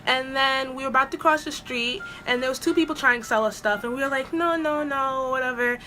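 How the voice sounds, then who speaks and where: A woman's voice: high voice, fairly even intonation, fast talker, bright, forceful tone. A woman vlogger telling a storytime at home, chatty and rambling with lots of "like"s and restarts. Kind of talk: storytime vlog. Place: at home with an air purifier running.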